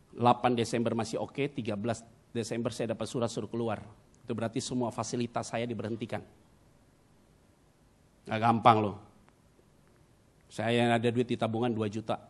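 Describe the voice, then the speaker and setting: A man's voice: mid-range voice, little pitch movement, normal speed, long pauses. Middle-aged man preaching with dramatic bursts. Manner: dramatic personal storytelling with sudden loud bursts; mixes in English words. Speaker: pastor. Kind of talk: sermon.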